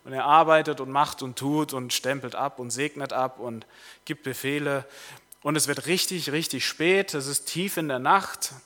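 A man preaching a sermon, telling a story in a lively way before summing up his points. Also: medium pitch, normal speed. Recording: long reverb of a large hall.

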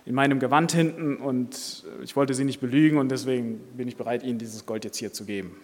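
A frightened old traveler pleading earnestly to be spared, as a preacher puts him on in the middle of a story. His voice sits at a middling pitch and rings in a hall with a long reverb tail. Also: fairly even intonation, brisk, natural voice. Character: frightened older male traveler, honest.

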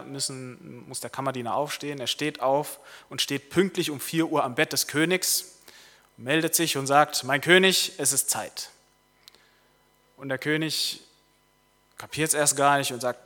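Bright-voiced preacher in an echoing hall. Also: male voice, fairly high pitch, moderate pace. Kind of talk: sermon with a told story. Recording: long reverb of a large hall.

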